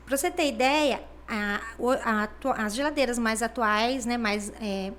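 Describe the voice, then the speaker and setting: Slight background noise accompanies this woman's somewhat high, slightly bright voice, delivered a little slowly. A regional health superintendent from Brazil, she's a guest in an interview, explaining with frequent "né" fillers and acting out people she quotes.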